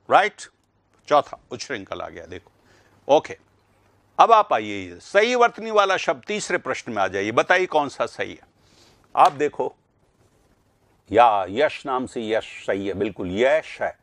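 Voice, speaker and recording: A man's voice: lowish voice, no echo. Man teaching a live online class. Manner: drills pronunciation aloud, calls out students' names. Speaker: online Hindi exam teacher.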